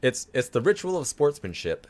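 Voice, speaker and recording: A man's voice: medium pitch, sing-song, moderate pace, slight background noise. A man co-hosting a podcast in casual chat, explaining things with small laughs. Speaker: podcast co-host.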